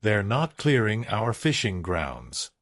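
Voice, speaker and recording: A man's voice: on the low side, very animated, slow, a bit bright, no room sound, studio quality, heavily acted. A man voicing a stern, determined middle-aged fisherman in a firm, clipped way. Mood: resolute.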